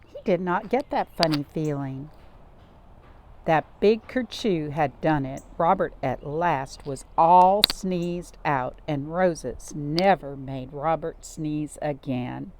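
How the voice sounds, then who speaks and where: Against a noisy background, a woman with a low voice speaks slowly as she hosts a children's storytime. She reads stories aloud and talks about crafts, using simple, repeated phrases and addressing the young listeners directly.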